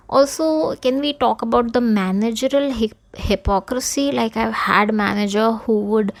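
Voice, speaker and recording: A woman's voice: medium pitch, no echo. A young woman with an Indian accent, hosting her own show, talking frankly and casually and switching into Hindi mid-sentence. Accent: Indian English. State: out of breath. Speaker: podcast host. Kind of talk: candid casual monologue.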